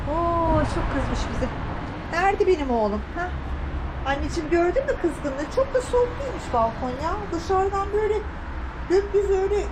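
High, lively woman cooing to her cats. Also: noisy background. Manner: doting baby talk, cooing and sing-song. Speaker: cat vlogger talking to her cats. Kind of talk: casual talk to pets. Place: outdoor balcony.

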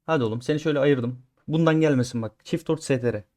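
A man giving casual commentary on his own gameplay, chatting to his viewers and swinging between grumbling and loud cheering. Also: medium pitch, fast talker. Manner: chatty, talks to viewers as he plays. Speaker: gaming streamer.

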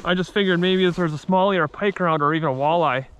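A man's voice: high voice, rapid-fire. A man in his thirties chatting casually while ice fishing outdoors, upbeat and rambling, recorded on a body-worn action camera. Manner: upbeat, rambling, excited when fish bite. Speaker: vlogger, angler. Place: outdoors on a frozen lake.

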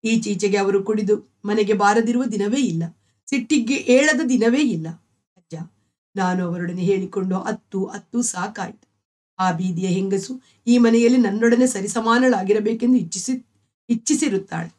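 A woman's voice: medium pitch, normal speed, a little mellow, close to an everyday voice. A woman reading as a grieving young wife. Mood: pleading, grieving. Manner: pleading, sorrowful. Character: grieving young wife and mother, gentle and devout.

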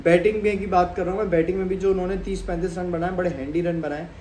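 A man's voice: sits high, steady tone, quick pace, a little mellow. A young man from Pakistan, chatting casually about cricket to camera from a sofa at home, talking with his hands. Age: young adult. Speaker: cricket vlogger. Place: sitting on a sofa in a small room at home. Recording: echoey room with faint background hum.

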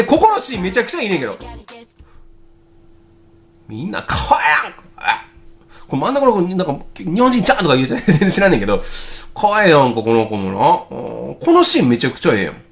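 A man with a Kansai accent giving casual, excitable reaction commentary as host, thinking aloud and exclaiming often. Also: high voice. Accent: Kansai Japanese. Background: faint music video playing.

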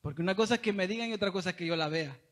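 A man's voice: high-pitched, very fast. A young man from El Salvador with a Salvadoran Spanish accent, telling a testimony in a sermon and often calling listeners brother. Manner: animated storytelling, addresses listeners as brother. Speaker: preacher.

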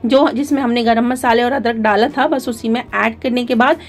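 A woman narrates a recipe as a channel host, her voice sitting a little high. She talks through each step calmly, pausing on fillers and mixing words into her speech. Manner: calm step-by-step instruction with frequent fillers.

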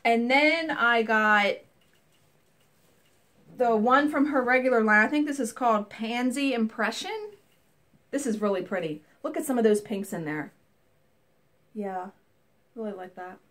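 A woman's voice: a little high, expressive, measured pace, pauses often, a bit bright. A woman in her thirties chatting casually through a cross-stitch haul video from a small home craft room, recorded on a webcam. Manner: chatty, enthusiastic, rambling asides. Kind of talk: casual show-and-tell haul.

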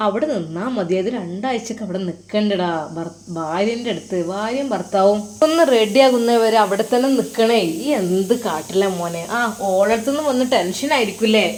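A woman voicing a kindly, affectionate old male religious teacher who coaxes and questions gently. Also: medium pitch, normal speed, hardly any pauses, lightly acted. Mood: coaxing. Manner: coaxing, tender, questioning. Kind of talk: storytelling.

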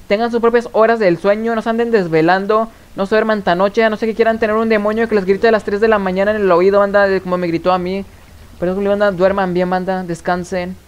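A man's voice: high voice, clear, resonant tone. A man chatting casually on a live stream, rambling and constantly tossing in the same filler word.

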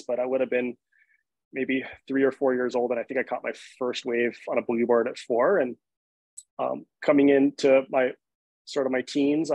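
A man in his forties from Hawaii, a guest who is a shark activist, shares a personal story calmly and steadily with the occasional "um." His medium-pitched voice is a bit husky. The video call audio is poor, dry and close, with no room sound.

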